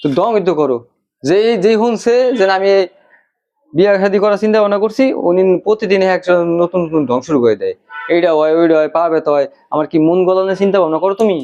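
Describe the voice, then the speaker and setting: A man's voice: high voice, fast talker, a little mellow. A man playing a mocking, dismissive husband in a family quarrel skit. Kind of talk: acted domestic quarrel skit. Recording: dull lo-fi sound.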